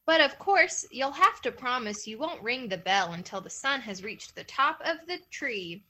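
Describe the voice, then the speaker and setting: A woman's voice: on the high side, expressive, moderate pace, bright, forceful tone, poor audio. A woman playing a sly old hare, sweet-talking. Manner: sweet, innocent-sounding, cunning. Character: old, scrawny, sly male hare, quick thinker.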